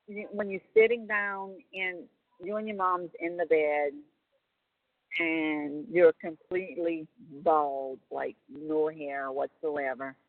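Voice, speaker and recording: Over a tinny, narrow-band telephone line, a woman with a lowish voice chats casually on a prison phone call. She rambles in colloquial, personal conversation, and the recording is dry.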